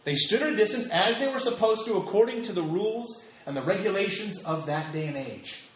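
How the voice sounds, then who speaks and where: Lively, emphatic male preacher. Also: high-pitched, fairly quick, a little hiss or hum. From United States. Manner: emphatic, repeats phrases for stress. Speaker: pastor. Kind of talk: sermon. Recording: echoey hall with faint ambience.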